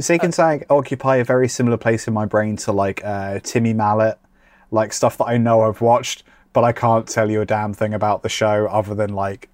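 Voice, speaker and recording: A man's voice: on the low side, darkish tone, dry recording. A man hosting a podcast in a casual, rambling way, with jokey, self-deprecating asides. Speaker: podcast host.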